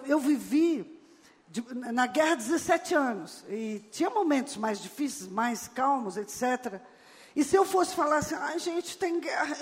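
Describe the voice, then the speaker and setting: An older woman preaching a sermon as a missionary, telling stories and acting out quoted prayers and dialogue. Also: high-pitched. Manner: lively storytelling that acts out quoted prayers and dialogue. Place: church sanctuary. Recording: long reverb of a church hall.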